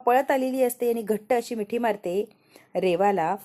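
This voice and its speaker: A woman's voice: on the high side, moderate pace, warm tone. A woman casually retelling a TV serial episode and reading out the characters' lines along the way. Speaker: TV serial recap narrator. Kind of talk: casual storytelling recap.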